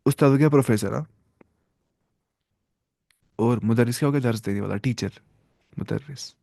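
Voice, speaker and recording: A man teaching an Arabic grammar lesson, drilling phrases slowly, repeating them and asking the listener questions. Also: medium pitch, creaky, dark tone, dry recording, studio quality. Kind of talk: grammar lesson, mixing Urdu, Arabic and English.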